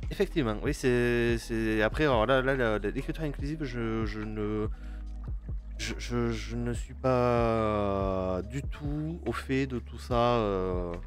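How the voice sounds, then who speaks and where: This live game streamer is a man of medium pitch who takes things slowly, with faint music in the background. He chats with his viewers and reads in-game text aloud, hesitating, restarting and using plenty of fillers.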